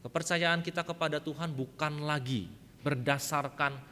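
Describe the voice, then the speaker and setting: A male pastor preaching a sermon, telling a childhood story in a lively way and often turning to address the congregation. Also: moderate pace. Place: church sanctuary. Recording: reverberant church hall with faint rumble.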